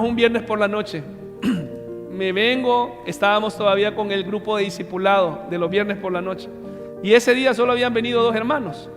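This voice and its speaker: High-voiced pastor preaching. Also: male voice. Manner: storytelling, acts out dialogue, calls to congregation. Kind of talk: sermon with personal testimony. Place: church hall. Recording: reverberant church hall with music.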